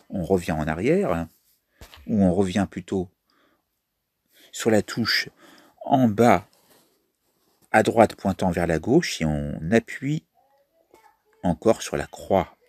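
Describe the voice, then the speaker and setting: A man's voice: on the low side, darkish tone, slightly rough, dry recording. A man giving casual commentary on a mobile trivia game, thinking aloud as he plays. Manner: chatty, thinks aloud while playing. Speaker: mobile game video maker.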